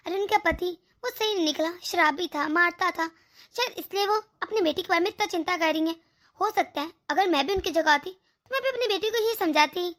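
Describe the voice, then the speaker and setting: A woman's voice: very high-pitched, brisk, fairly bright tone. A woman voicing a middle-aged mother-in-law in a cartoon who fusses over and soothes her daughter-in-law. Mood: soothing. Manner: fussing, coaxing. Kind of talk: cartoon voice acting.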